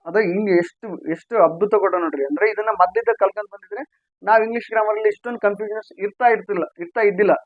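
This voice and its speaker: A man's voice: high-pitched, racing, no room sound, narrow, tinny audio. A man teaching English grammar sounds, repeating points and asking and answering his own questions. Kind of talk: explaining a lesson to viewers.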